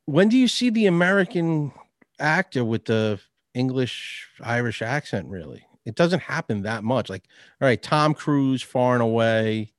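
Give me a blunt New York man in casual podcast chat, animated, with a dry close sound. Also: mid-range voice, unhurried, dry recording. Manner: blunt, swears freely, animated. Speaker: podcast co-host.

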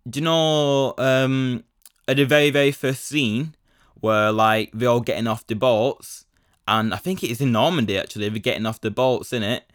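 A man's voice: medium pitch, moderate pace, a bit bright, no echo, studio quality. A young man telling a rambling story on his podcast, full of slang and fillers. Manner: rambling, slangy, full of fillers and 'do you know what I mean'. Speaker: podcast host. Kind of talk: casual solo storytelling.

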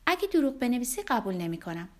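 A woman's voice: on the high side, very animated, darkish tone, voice pushed up. A woman reading as a cold, scornful young woman. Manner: curt, scornful. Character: young woman, cool and spiteful.

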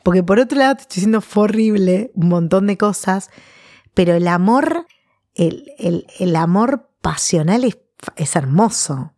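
A woman in her thirties with a Rioplatense Spanish accent, telling personal stories in a casual, animated way during an interview. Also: mid-range voice, moderate pace, no echo, studio quality. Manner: chatty, animated storytelling with laughs.

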